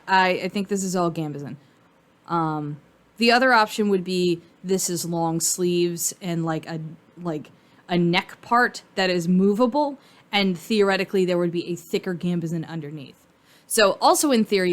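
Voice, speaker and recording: Casually rambling woman, thinking out loud. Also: lowish voice. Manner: informal, mildly sweary, thinking out loud. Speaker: fan commentator. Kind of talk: casual rambling commentary on cartoon costume design.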